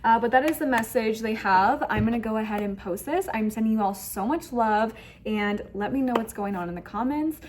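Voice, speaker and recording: A fairly high-pitched woman talks fairly quickly over background noise as she hosts an online tarot reading. Her spiritual reading for viewers is effusive and emphatic, with phrases repeated often.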